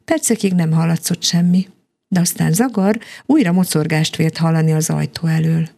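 Low, gravelly woman reading a tale. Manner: calm, expressive story reading. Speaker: storyteller. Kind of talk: reading a children's story aloud.

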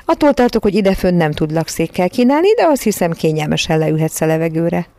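A woman's voice: on the low side, sing-song, warm tone. A woman doing a jolly old uncle. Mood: merry. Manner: merry, tearful with laughter. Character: jolly elderly uncle who keeps laughing.

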